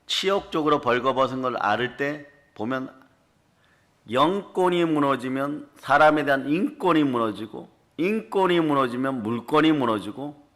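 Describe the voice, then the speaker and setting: A male pastor preaching a sermon, swinging between loud scolding lines and low, murmured asides. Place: church sanctuary.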